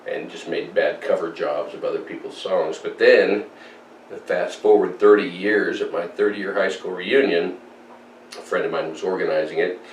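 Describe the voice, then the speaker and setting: Very deep-voiced man in his fifties, relaxed. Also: normal speed, slight background noise. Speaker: guest musician. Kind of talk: casual interview chat. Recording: roomy distant mic with faint ambience.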